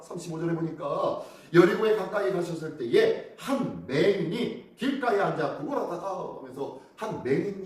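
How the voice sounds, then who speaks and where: A man preaching a dawn sermon as pastor, animated and asking the congregation questions, recorded by a phone camera from a distance. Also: a little high. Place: church sanctuary. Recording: echoey room from far off.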